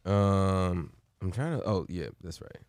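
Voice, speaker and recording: A man hosting a podcast, chatting casually and excitedly in quick bursts with restarts. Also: deep voice, smooth. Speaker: podcast host. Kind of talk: casual chat.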